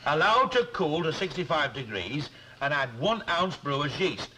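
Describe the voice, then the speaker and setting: An actor playing a bossy Northern English man in a 1960s TV soap, deliberately reading out instructions to his mates. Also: on the high side, big pitch swings, sharp tone. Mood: businesslike. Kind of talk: 1960s British TV soap acting. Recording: noisy 1960s TV soundtrack, clicks.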